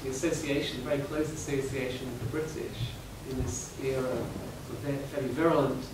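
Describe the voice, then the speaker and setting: In a seminar room, a man on an academic round-table panel speaks hesitantly, full of fillers and restarts. His mid-range voice has fairly even intonation and a moderate pace, captured by a distant mic in an echoey hall with background noise.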